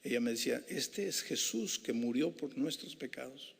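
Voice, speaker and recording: A man preaching an evangelistic sermon, shifting between hushed, intimate passages and impassioned, rising climaxes. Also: medium pitch, lively intonation, moderate pace, gravelly, husky. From Peru. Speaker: pastor. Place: large civic center hall. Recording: reverberant civic hall.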